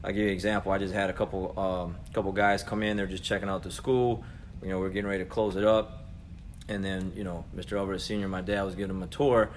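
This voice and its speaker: An American jiu-jitsu coach in his forties, who also hosts a vlog, gives an earnest, conversational motivational talk straight to his listeners. He has a low-pitched voice with a level tone and talks fast. Background noise is clearly audible.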